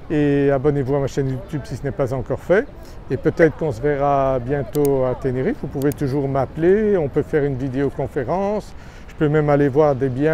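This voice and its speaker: A man from Brussels, Belgium, pitches to camera outdoors in a seaside town as a property finder, in a casual vlog style. He's friendly as he persuades but hesitant, with many filler sounds. His medium-pitched voice is mellow, with a little hiss or hum in the audio.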